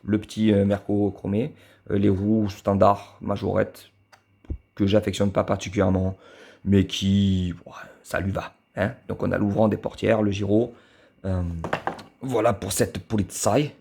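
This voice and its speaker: A man from southern France, speaking with a southern French accent in a gravelly, low, dark voice, casually reviews his die-cast model car collection unscripted. He talks a little slowly with little pitch movement, sounding hesitant, full of fillers and restarts, and fond and admiring of the cars.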